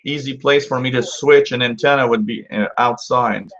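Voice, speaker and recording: A man talks casually as the host of a hobby radio live stream. His medium-pitched voice is halting and explanatory, with slightly dull, lo-fi sound. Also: steady tone, a bit bright. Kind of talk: casual live commentary, answering viewers.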